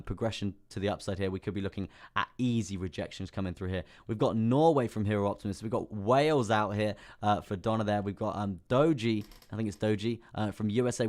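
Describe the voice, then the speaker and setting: Hoarse, fast-talking English man. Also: fairly low pitch, darkish tone. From England. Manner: chatty, reads out viewer names and laughs often. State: hoarse, voice partly lost. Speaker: crypto live-stream host. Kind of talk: casual live-stream chart talk.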